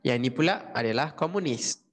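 A man's voice: mid-range voice, normal speed. A man with a Malaysian Malay accent teaching a history class over a video call, quizzing his students and mixing in English phrases. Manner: lively, asks students questions, mixes in English. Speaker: history tutor. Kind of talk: online class lecture.

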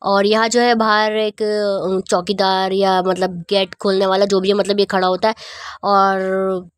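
A woman's voice: medium pitch, little pitch movement, measured pace, clear, resonant tone, dry recording. A woman in her thirties narrating a family vlog in a casual, rambling way with many fillers. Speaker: family vlogger. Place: outdoors on a city street at night. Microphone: phone held at arm's length.

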